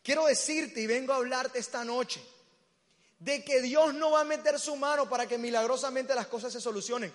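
A young man, preaching and telling a story with acted-out voices and sudden shouts. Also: very high-pitched, moderate pace. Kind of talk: storytelling sermon. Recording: reverberant hall.

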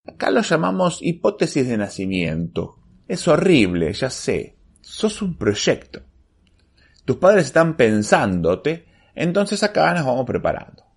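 Guy doing a soft hushed granny clerk, argentine accent, sweet and calm, swoopy. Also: a little high, a little slow, gravelly, husky, pitched above the performer's own voice, exaggerated voice. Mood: gentle. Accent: Argentine Spanish. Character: sweet serene grandmotherly old woman clerk.

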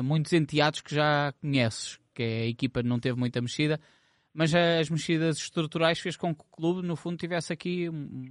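A man with a European Portuguese accent hosts a conversational interview. His voice is a little high for a man and recorded very dry. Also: dry recording. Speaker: host interviewer.

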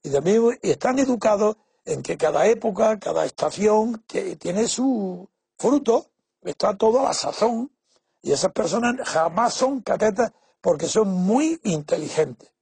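High, gravelly, very husky man. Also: animated, warm tone, no echo. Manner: measured, pausing with frequent "eh" and restarts; opinionated, explanatory tone. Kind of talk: reflective spoken essay.

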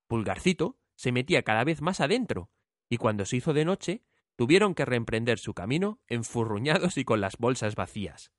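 Male storyteller reading a fairy tale, lively pitch, dry close sound. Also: normal speed, dry recording. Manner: expressive.

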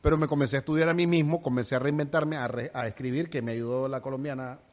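A man's voice: mid-range voice, steady tone, quick pace, darkish tone. A man who is a comedian, teasing and recounting stories in casual conversation.

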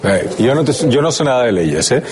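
A man's voice: mid-range voice, big pitch swings, fairly quick, noisy background. A man hosting an interview, asking direct, probing questions.

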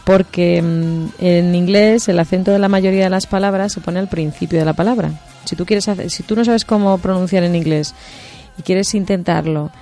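A woman's voice: lowish voice, dark tone. Woman from explaining English usage. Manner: explanatory, mixes English words into Spanish. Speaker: English teacher presenting songs. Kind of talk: explaining radio chat.

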